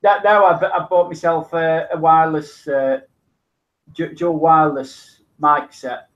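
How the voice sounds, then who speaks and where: Man, casual stream guest, halting restarts, fairly high voice, muffled lo-fi audio. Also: level tone, a bit bright. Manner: hesitant, many restarts, laughs along. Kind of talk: casual live-stream chat.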